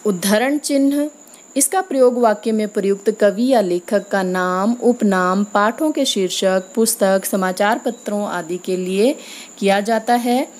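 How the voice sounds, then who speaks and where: A woman gives a grammar lesson in a mellow, soft-toned voice. She speaks clearly and at a measured pace. She slows down to read each example sentence carefully. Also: mid-range voice. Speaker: teacher.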